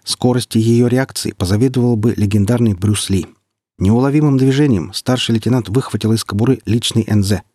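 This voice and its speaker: Deadpan, husky male audiobook narrator. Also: mid-range voice, a little fast, no echo, clean studio sound. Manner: deadpan, mock-serious storytelling.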